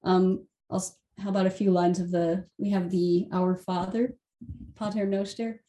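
A woman's voice: mid-range voice, level tone, normal speed, mellow. A woman hosting a casual discussion as a Latin teacher, asking questions and reciting Latin lines. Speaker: podcast host and Latin teacher.

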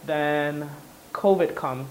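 A young woman from Ghana, raised in the States, telling her story as an entrepreneur in a relaxed, chatty interview with fillers. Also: low-pitched, drawn-out words, a little hiss or hum, rough recording. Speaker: entrepreneur guest. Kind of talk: interview conversation.

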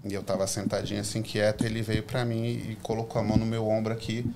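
A Brazilian man, a guest in a casual interview, telling his story in an animated, emotional way. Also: fairly low pitch, fast talker, creaky, noisy background.

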